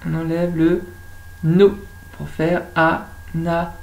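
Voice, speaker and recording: A French woman teaching young children at home, speaking slowly and stretching out words so they can follow. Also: fairly low pitch, level tone, vocal fry, a little mellow, a little hiss or hum, rough recording. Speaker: kindergarten teacher.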